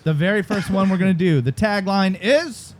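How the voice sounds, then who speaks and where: A man's voice: high-pitched, normal speed. A man hosting a casual fishing talk show, joking and teasing, laughing often. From Florida. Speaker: podcast host. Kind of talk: casual radio chat.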